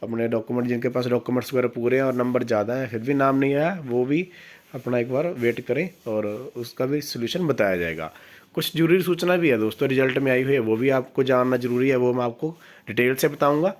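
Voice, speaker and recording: Man, exam news host, casual explainer, reads notices slowly, talks to viewers as friends. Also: medium pitch. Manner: reads English notice text slowly, then explains it in Hindi; addresses viewers as friends, asks for comments.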